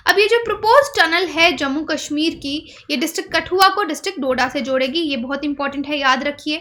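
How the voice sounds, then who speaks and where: A woman's voice: high-pitched, sharp tone. A young woman giving an exam-prep video lecture, explaining each point and repeating the key facts, mixing Hindi with English. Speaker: teacher.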